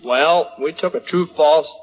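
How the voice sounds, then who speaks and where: A man with an American accent giving halting, informal remarks as a radio quiz contestant. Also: fairly high pitch. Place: large hall at a live radio broadcast. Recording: dull old radio recording, hall reverb.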